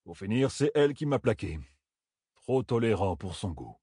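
A man voicing a weathered, wary older woodsman who talks low and wryly. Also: big pitch swings, moderate pace, warm tone, husky, no room sound, clean studio sound. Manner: low, muttering, wry.

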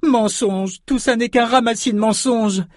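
A man reads a furious young female magician, her voice pitched well above his own and thrown loud. She spits accusations, seething with grief. The recording is dry and close. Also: steady tone, a little slow, no echo. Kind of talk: audiobook character voice.

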